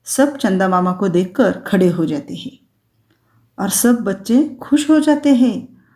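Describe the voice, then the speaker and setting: A woman's voice: mid-range voice, animated, dark tone. A woman teacher reading a Hindi story aloud and explaining words for a school lesson. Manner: slow, explaining.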